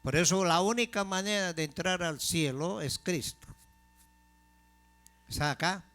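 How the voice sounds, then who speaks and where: A man preaching a sermon as pastor, asking the congregation questions and slowing down to stress key phrases. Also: high voice, a bit bright. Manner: call-and-response questions to the congregation.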